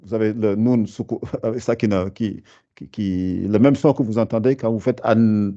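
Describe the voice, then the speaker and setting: A man teaching Quran recitation in an online class, explaining rules patiently with many fillers and pausing to recite verses slowly. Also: fairly low pitch, mellow, highs cut off.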